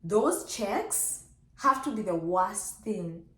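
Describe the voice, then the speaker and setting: A young woman tells a story with lively energy, jumping up in pitch whenever she acts out what someone said. Her voice sits mid-range and rings in an echoey room. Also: slow. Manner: lively, acts out quoted dialogue with big pitch jumps. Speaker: vlogger telling her birth story. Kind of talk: animated storytelling to camera.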